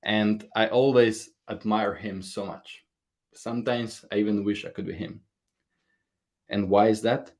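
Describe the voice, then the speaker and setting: A man speaks at a slightly low pitch. He delivers a prepared conference talk earnestly, a little nervous, with small grammar slips. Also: steady tone, unhurried, a little mellow. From Slovenia.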